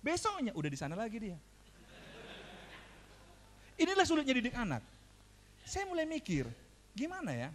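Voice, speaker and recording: A male pastor delivering a sermon with a high, very lively voice that leaps up and down. He tells stories conversationally, asks rhetorical questions, and swings from hushed to loud. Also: normal speed, long pauses, slight background noise.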